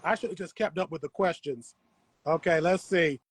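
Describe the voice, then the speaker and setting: A man speaks at normal speed in a fairly high voice with a breathy edge, on a dry recording. He's the host of a casual gardening livestream, chatting to viewers while working soil on an outdoor patio.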